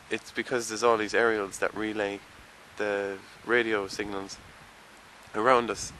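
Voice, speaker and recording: Male eyewitness, 20s, Kerry Irish, casual recollection, lowish pitch, loud outdoor ambience. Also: slight background noise, poor audio. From Tralee, County Kerry, Ireland. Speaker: eyewitness interviewee. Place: open hillside outdoors.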